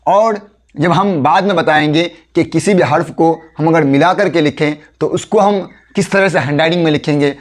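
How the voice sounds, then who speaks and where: A man's voice: fairly high pitch, normal speed. A man giving a casual spoken lesson on writing letters, explaining patiently and repeating steps as he draws them. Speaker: handwriting teacher.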